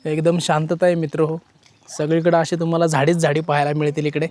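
A man's voice: a little high, monotone, a little fast, darkish tone. A man, chatting cheerfully as he walks through his farm for a village vlog, laughing often. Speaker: vlogger. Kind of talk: casual village vlog narration. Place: outdoors on farm fields.

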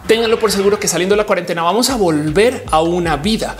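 Fast-talking woman vlogger explaining to camera. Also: medium pitch, slight background noise. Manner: fast, animated, with lots of hand gestures; chatty and informal, with slang fillers. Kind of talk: explainer vlog talk to camera. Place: indoor home studio with bookshelves.

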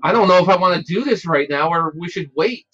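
Guy casually talking thru his game, slightly high voice, muffled lo-fi room mic. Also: expressive, fast, a bit bright, soft background music. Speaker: video game player. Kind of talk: casual gameplay chat. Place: indoor game room, filming a TV. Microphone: camera mic in the room. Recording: dull lo-fi room camera recording.

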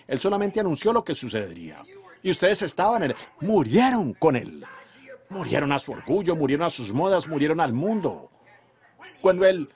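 Guy preaching hard, kinda high voice, stretches out the big lines. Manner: fervent preaching, drawn-out emphatic phrases. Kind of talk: sermon delivered in Spanish voice-over.

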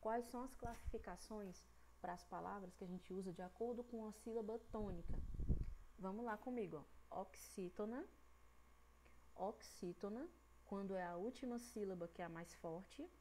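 Patient Brazilian teacher, mellow voice. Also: female voice, mid-range voice, a little hiss or hum, low-quality recording. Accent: Brazilian Portuguese. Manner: patient, drawn-out syllables, frequent "né?" and "certo?" checks. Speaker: primary school teacher. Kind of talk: online grammar lesson.

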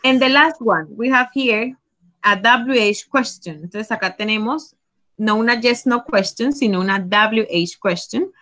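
Slow, patient woman teaching a class. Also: a little high, bright, forceful tone. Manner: patient, explains step by step and prompts students. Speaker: English teacher. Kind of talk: online class explanation.

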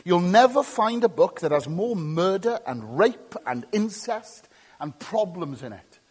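Husky animated preacher in a reverberant church. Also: male voice, high voice, unhurried. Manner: emphatic and repetitive, punchy short phrases; conversational asides to the congregation. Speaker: pastor. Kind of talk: sermon.

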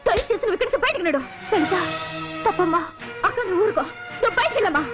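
A woman's voice: very high voice, animated, very fast. An actress playing a loyal young mother in a melodramatic film, who speaks in a defiant, pleading, emotional way. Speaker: young wife and mother in a family drama. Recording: dull lo-fi film audio with music.

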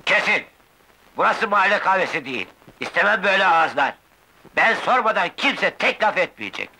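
A stern commissioner, sharp, commanding voice. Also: male voice, high voice, big pitch swings, moderate pace, full character voice, rough recording. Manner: curt and commanding. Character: stern male police commissioner. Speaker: police commissioner. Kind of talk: 1960s film acting.

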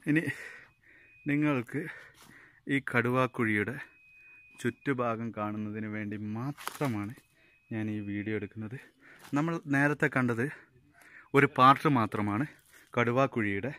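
A man's voice: medium pitch, unhurried, long pauses, pushed and bright. A man giving vlog commentary outdoors among rocky forest caves, guiding viewers and warning them to be careful. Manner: cautioning, guiding while walking. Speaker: travel vlogger.

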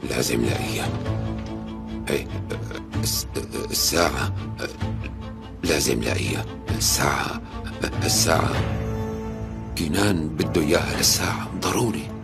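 Distraught middle-aged man, obsessive fragmented muttering, pitch jumps wildly, music under. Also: expressive, normal speed, creaky, long pauses, full character voice. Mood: fixated. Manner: repetitive, fragmented, fixated muttering. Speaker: dubbing actor. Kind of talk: dubbed TV drama acting.

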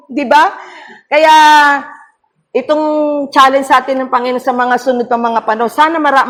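Earnest woman pastor preaching. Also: on the high side. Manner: earnest storytelling, mixing English phrases, frequent "no?" tags. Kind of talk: devotional sermon at a prayer meeting.

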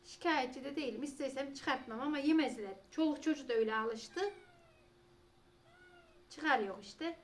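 A woman's voice: high voice, normal speed, pauses often. A woman, chatting casually and rambling in a home vlog, sometimes talking to her cats. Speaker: vlogger.

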